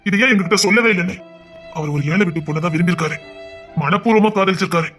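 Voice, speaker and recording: A man telling a dramatic serial story aloud, voicing every character himself and rising into emotional high lines. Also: very fast, a bit bright, soft background music.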